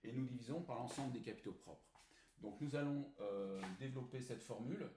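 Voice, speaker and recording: A man teaching a finance lesson step by step, methodical and often pausing on fillers as he works through a formula. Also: medium pitch, dark tone. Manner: methodical, frequent hesitant fillers. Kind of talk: recorded whiteboard lesson. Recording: echoey room, faint noise.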